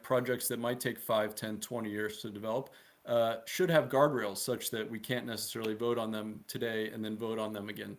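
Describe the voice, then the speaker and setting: A man speaking as a guest in a casual live discussion, earnest and persuasive, often checking in with "right?". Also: mid-range voice. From United States. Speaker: guest promoting a political DAO.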